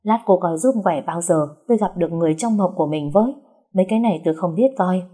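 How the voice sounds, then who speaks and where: A woman's voice: fairly low pitch, quick pace, warm tone, breathy edge. A woman voicing a genial young master of a rich household who speaks politely but gives orders. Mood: easygoing. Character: young gentleman of a rich household, good-natured and commanding.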